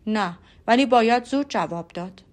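A woman voicing a dry, weary older father in an audiobook, with an unhurried delivery. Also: fairly high pitch, animated, close to an everyday voice. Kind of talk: audiobook character voice.

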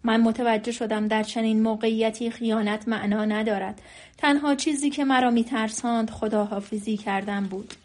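Woman reading an audiobook calmly. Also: on the high side. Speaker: narrator.

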